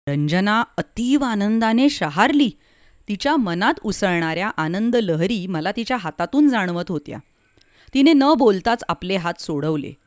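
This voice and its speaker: Brief: woman reader narrating a story with feeling, mid-pitched, no room echo. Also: animated, a little slow, studio quality.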